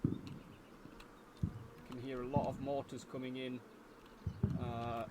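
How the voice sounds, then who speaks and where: Man commentating casually over loud game noise. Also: medium pitch, level tone, slow. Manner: tentative, thinking aloud. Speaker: gameplay commentator.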